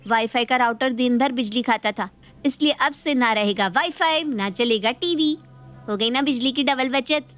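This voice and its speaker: In an animated moral story, a woman voices a playful, outspoken young daughter with a chatty, teasing manner. Her voice is on the high side and lightly acted, at normal speed, with faint music behind it.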